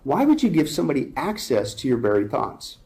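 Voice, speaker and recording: A man's voice: medium pitch, very animated, brisk, a little mellow. A man speaking as a guest in an interview, urgent and emphatic, building his points with rhetorical questions. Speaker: guest speaker on end-times prophecy.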